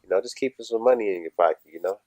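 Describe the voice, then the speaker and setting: A man's voice: fairly low pitch, rapid-fire, mellow, dry recording. A young man guesting on a podcast, talking in a laid-back, slangy way. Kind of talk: casual chat.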